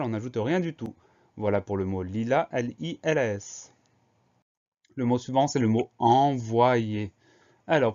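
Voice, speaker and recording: A man's voice: medium pitch, darkish tone, highs cut off. A man teaching a spelling lesson, patiently breaking words into syllables and spelling them out letter by letter.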